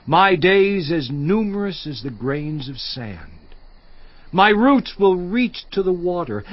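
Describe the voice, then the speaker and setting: Guy doing job from the bible, slow solemn old-style declaiming, kinda high voice, dull lo-fi sound w/ soft music under it. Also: no echo. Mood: wistful. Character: Job, aging afflicted man, grave and lamenting. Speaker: dramatized Bible character. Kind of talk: dramatized scripture reading.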